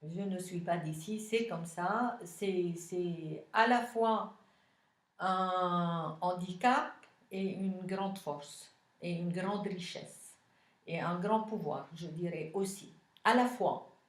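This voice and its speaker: Lebanese-accented woman, roomy sound. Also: on the low side. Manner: thoughtful, many pauses and hesitations. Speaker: Paris city councillor. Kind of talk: interview answers.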